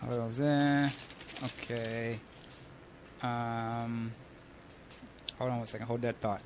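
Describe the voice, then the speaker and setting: A man's voice: medium pitch, level tone, slow pace, background noise. A man hosting a radio call-in show, chatting loosely, teasing the caller and reading out listener messages. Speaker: radio host.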